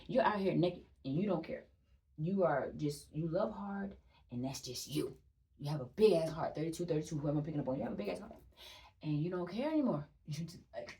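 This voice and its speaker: A woman's voice: low voice, dark tone, recorded from a distance. A young woman gives a casual spiritual energy reading, chatty and emphatic, repeating phrases, swearing and laughing often.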